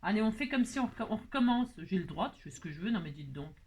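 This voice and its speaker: A woman from France hosting a casual craft tutorial, talking in a playful, self-mocking way and tagging her sentences with a quick "hein". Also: mid-range voice, expressive, a little mellow, breathy edge. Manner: cooing baby talk to her pet. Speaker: crafting video host.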